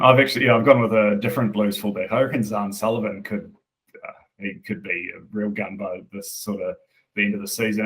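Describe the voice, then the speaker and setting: New male host, rapid even delivery, low voice, casual sports chat. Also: rough recording. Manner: brisk, runs the segments. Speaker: podcast host.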